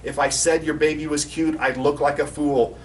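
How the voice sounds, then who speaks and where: A man playing a crude, cynical clown pitchman in a spoof infomercial, swearing and mock-sincere as he sells insulting greeting cards. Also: level tone, moderate pace, close to an everyday voice. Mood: mock-sentimental recital. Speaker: comedian in character as a clown. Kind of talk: spoof infomercial sales pitch with recited rhyming card verses. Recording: roomy echo, faint background noise.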